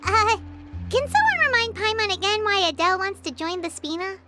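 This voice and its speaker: Game fairy mascot, tiny and childlike, squeaky and excitable, very animated delivery. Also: female voice, fairly quick, heavily acted. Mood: curious. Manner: speaks of self in third person. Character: small excitable childlike fairy companion who loves food. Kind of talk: English video game dub. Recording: music behind the voice.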